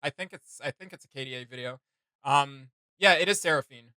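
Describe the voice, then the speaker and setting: A man hosts a reaction video, rambling through his thoughts in unscripted, slangy, enthusiastic fan commentary. His medium-pitched voice is bright, forceful and smooth, delivered briskly with no echo.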